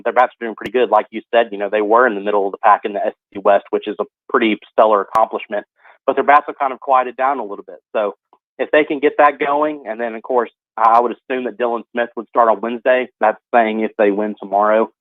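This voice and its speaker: Fast-talking man on a phone line. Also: fairly low pitch, dry recording. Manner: fast, filler-heavy analysis with many "you know" and "um". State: coughing from allergies. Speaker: sports analyst guest. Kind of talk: casual sports radio talk. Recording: dry phone-line audio.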